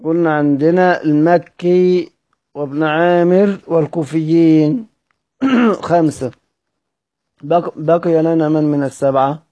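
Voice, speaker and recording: A man's voice: fairly high pitch, unhurried, long pauses, mellow, dry recording, muffled recording. A man with an Egyptian accent teaching a lesson on Quranic readings, who asks his listeners questions, repeats them, and then answers them himself. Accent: Egyptian Arabic. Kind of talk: explanatory lesson.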